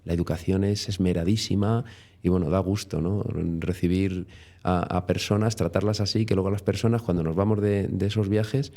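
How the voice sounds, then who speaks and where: This man speaks with a Spain Spanish accent in a low, steady, warm voice at a slightly quick pace. He's a guest in a casual storytelling interview, rambling chattily through travel tales and sprinkling in tag questions.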